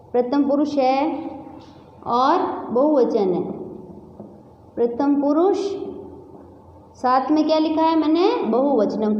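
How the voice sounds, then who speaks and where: A woman's voice: high-pitched, a little mellow, echoey room, long reverb tail. A woman teacher giving a classroom lesson to children, repeating key words and quizzing the class.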